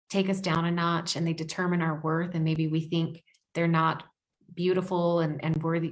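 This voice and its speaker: Woman, lower voice, podcast guest, earnest, emphatic repetition. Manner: earnest, repeats words for emphasis. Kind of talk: heartfelt interview conversation.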